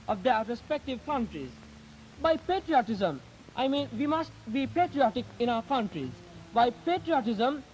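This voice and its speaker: A teenage boy from Sri Lanka, speaking as a youth delegate at a public speaking event, delivers an earnest, declamatory formal speech in a very high voice. The archival recording dates from the 1950s and has poor audio quality.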